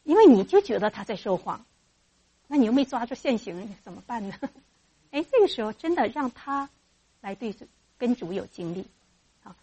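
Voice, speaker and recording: A woman giving a church teaching to mothers about raising children in faith, lively and acting out parent and child voices as she goes. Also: on the high side, moderate pace, pauses often, breathy edge.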